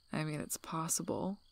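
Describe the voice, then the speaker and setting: In an ASMR role-play, a woman voices a guarded female werewolf alpha, speaking softly in a low-ish, husky half-whisper thick with vocal fry. Her dry, unhurried delivery carries a wry protectiveness, and the heavily acted performance has no audible room sound.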